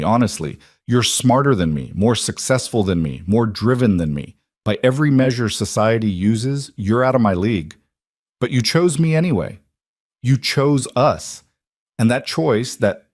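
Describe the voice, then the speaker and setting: Gentle single-dad groom for a spoken story, a man reading, low-pitched, dry, sincere. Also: dry recording. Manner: warm, earnest. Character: gentle, guarded single dad making vows.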